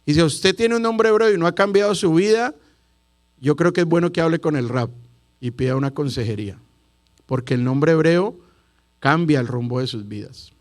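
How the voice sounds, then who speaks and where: A middle-aged man gives a sermon to his congregation in a fairly high voice for a man. He tells stories and sometimes sings out the words like a cantor. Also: normal speed. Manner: storytelling preacher who sings out key words. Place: congregation hall.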